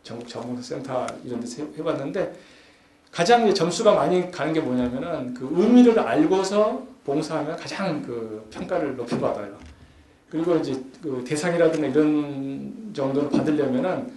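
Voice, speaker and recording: A man's voice: on the high side, lively intonation, moderate pace, warm tone. A man giving a conversational lecture at a forum, acting out everyday scenes and pressing his points with growing emphasis. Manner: chatty, acts out everyday scenes with rising emphasis. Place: lecture hall at a youth forum. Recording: echoey hall with faint background hum.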